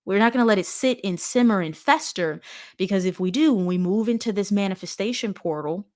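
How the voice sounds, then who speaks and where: A woman hosting her own show, giving an earnest, rambling spiritual self-help talk that corrects itself as it goes, with sudden animated bursts. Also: medium pitch, fairly quick. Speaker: host.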